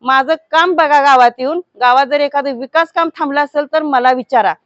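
A woman from Maharashtra, a village head, giving a forceful, indignant statement to the news media. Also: high voice, moderate pace, no echo. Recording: dull lo-fi news recording.

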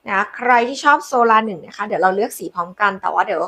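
A woman hosting a live sales pitch, demonstrating products in a chatty, coaxing way with polite endearments to customers. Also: fast, gravelly, bright, forceful tone, husky. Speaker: live-selling host presenting handbags.

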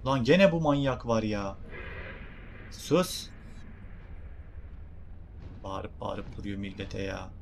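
A young man with a Turkish accent doing excitable, jokey game commentary and talking to his viewers. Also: on the low side, slow, vocal fry, long pauses, a little hiss or hum. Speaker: gaming streamer.

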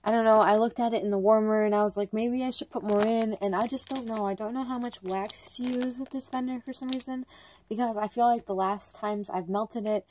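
A woman's voice: fairly high pitch, fairly even intonation, a little mellow, a little hiss or hum. A woman chatting through a casual product review at home, rambling and bubbly with lots of "like" and "um". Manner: rambling and bubbly, many "like" and "um" fillers; talks fast at times, by her own account. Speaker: vlogger reviewing wax melts.

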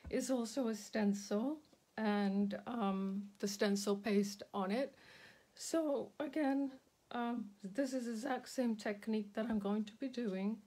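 Speaking in a fairly high but dark, husky voice, a woman with a slightly sore throat hosts a casual live craft demo at an indoor craft table. She's slow and chatty, leans on ums, and says hello to viewers by name.

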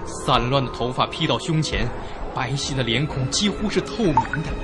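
An actor with a natural, mid-range voice plays a terrified young man narrating his own horror ordeal in the first person for a Chinese suspense radio drama. He sounds breathless and dramatic, swinging from hushed tones to panic, with dramatic music playing behind him.

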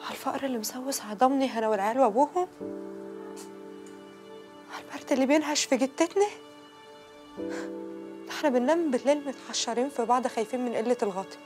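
A woman's voice: sits high, fast talker, long pauses, over music, natural voice. An actress with an Egyptian accent playing a poor, desperate village mother who pleads anguished to God. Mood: despairing. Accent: Egyptian Arabic. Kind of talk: TV drama acting.

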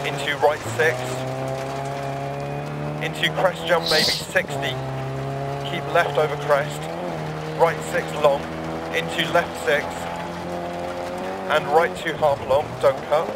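A man playing a brisk, focused rally co-driver in a racing game, calling rapid clipped pace notes. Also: on the high side, level tone, vocal fry. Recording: loud car engine noise. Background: roaring rally car engine.

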